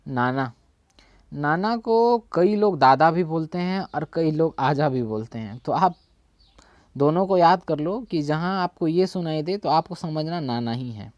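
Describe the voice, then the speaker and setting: A man's voice: fairly high pitch, animated, a little slow, darkish tone, dry recording, lo-fi sound. A man with a Chhattisgarhi Hindi accent teaching a language in a casual spoken lesson, often checking in and correcting his own slips. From India.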